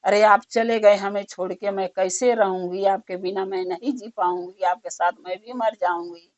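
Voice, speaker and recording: A woman voicing a merchant's wife who laments loudly over her husband, speaking in plain village speech. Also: medium pitch, steady tone, moderate pace, voice pushed down, close to an everyday voice. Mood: lamenting. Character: wailing middle-aged merchant's wife, selfish. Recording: dull lo-fi recording.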